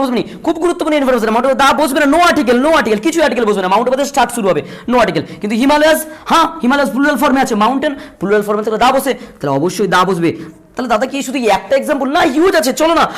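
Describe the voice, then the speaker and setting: A man teaching a grammar lesson, repeating points and slowing down to spell out examples. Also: very high voice. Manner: repetitive, drills points, slows to spell out examples. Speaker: English teacher.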